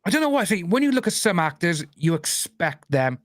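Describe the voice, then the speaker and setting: A Welsh man hosting a relaxed podcast chat, his voice sitting a little high for a man. He rambles and restarts his sentences often. The sound is dry and close to the mic. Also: a little fast, dry recording. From Wales. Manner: rambling, many restarts and fillers. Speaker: podcast host. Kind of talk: casual chat.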